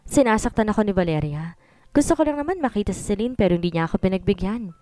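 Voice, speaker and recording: A woman's voice: medium pitch, lively intonation, fast talker, dark tone, no echo, lightly acted. A woman voicing a scheming, jealous former mistress who whines and pleads, read as part of a story. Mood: whining.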